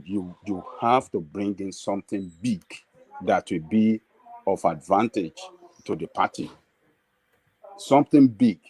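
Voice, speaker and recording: Lowish-voiced Nigerian man giving political commentary. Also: a little mellow, husky, no room sound, poor audio. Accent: Nigerian Yoruba. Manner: emphatic, speaks in short repeated phrases. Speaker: political analyst on a livestream panel.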